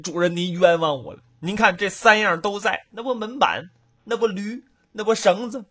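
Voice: medium pitch, normal speed, fairly bright tone, close to an everyday voice. A storyteller voicing a foolish, self-satisfied male servant in a comic folk tale. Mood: earnest. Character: foolish male servant, smug and simple-minded.

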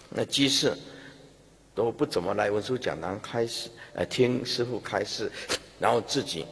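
A man with a husky voice, giving a sermon as a Buddhist dharma teacher and acting out scenes as he goes. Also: on the low side, slight background noise. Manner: animated storytelling, acts out scenes, laughs. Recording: long hall reverb.

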